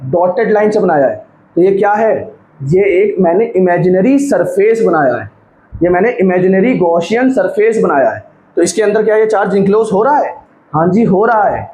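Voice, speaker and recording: A high-pitched male physics teacher who talks through the lesson step by step, repeating himself and coaxing students to keep up. His voice rings in an echoey room, with faint noise behind it. He drops in light teasing asides along the way. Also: a little mellow. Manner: repetitive, coaxing, keeps checking students follow. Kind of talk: classroom lecture at a board.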